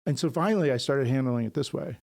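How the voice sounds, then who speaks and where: A man's voice: mid-range voice, fast talker, gravelly. A man co-hosting a podcast in casual chat, talking bluntly and poking fun at himself while telling stories. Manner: blunt, self-deprecating, animated storytelling. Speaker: podcast co-host.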